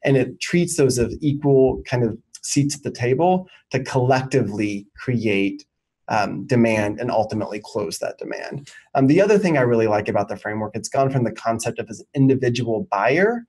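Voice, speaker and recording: A man's voice: mid-range voice, expressive, moderate pace, darkish tone, breathy edge, low-quality recording. A man in his thirties, a marketing executive, explains frameworks confidently and fluently on a video call. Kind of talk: business interview answers. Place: home office, indoors.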